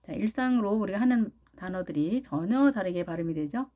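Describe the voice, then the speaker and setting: A woman's voice: medium pitch, expressive, dark tone. A woman with a Korean accent teaching pronunciation, sounding out words syllable by syllable in a careful lesson style. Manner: drawn-out syllables sounded out one by one.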